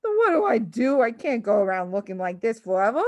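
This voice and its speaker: Woman acting a loud, panicky, blustering father. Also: on the high side, big pitch swings, brisk, no echo, studio quality. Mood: panicked. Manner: shouting, wailing, exclaiming.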